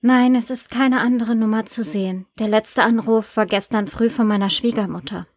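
A woman's voice: a little high, fairly even intonation, normal speed, no echo. A woman voicing a puzzled young mother answering a phone call in an audiobook, in a chatty way.

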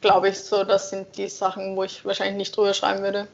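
This young songwriter, a native German speaker, answers interview questions casually in a mid-range, fairly quick, creaky monotone. She hesitates and gropes for words, laughing frequently, on a dull lo-fi recording.

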